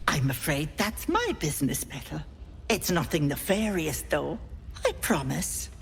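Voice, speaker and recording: Swooping, folksy old auntie hag. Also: female voice, deep voice, big pitch swings, a little slow, a little hiss or hum, exaggerated voice. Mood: wheedling. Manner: cajoling, scolding, mock-sweet endearments. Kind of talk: video game character acting.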